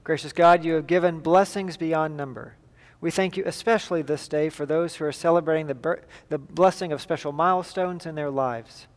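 A man leading liturgical prayer as a pastor, in a solemn, measured and formal way, with a long cathedral-like echo. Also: on the high side, steady tone. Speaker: pastor leading a church service. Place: large reverberant church.

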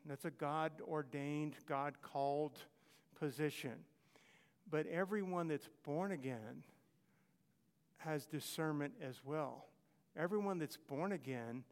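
Male pastor, fairly high voice, earnest repetitive sermon, long church-hall reverb. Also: smooth. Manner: earnest, repetitive, conversational preaching. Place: church sanctuary.

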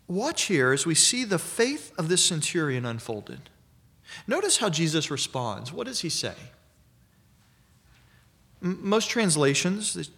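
Male preacher, slightly higher voice, measured emphatic sermon delivery. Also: a bit bright. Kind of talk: expository sermon.

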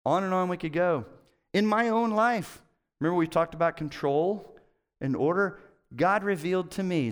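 Brief: middle-aged man, pastor, conversational sermon, animated storyteller, slightly high voice with a wide swinging pitch. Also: clean tone. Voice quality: hard of hearing. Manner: animated storytelling, acts out quotes with big pitch jumps.

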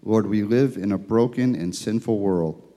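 Male church elder with a low, warm voice, praying in a big church with a cathedral echo. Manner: steady, measured, reverent. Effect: long cathedral-like echo. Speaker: church elder leading prayer. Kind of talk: spoken congregational prayer. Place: church sanctuary. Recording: long reverb of a large church hall.

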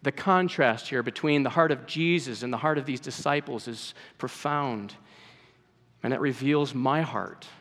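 A man's voice: medium pitch, normal speed, fairly bright tone. A man preaching a sermon earnestly, acting out voices from the scripture he retells. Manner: earnest, acts out quoted voices. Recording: long hall reverb.

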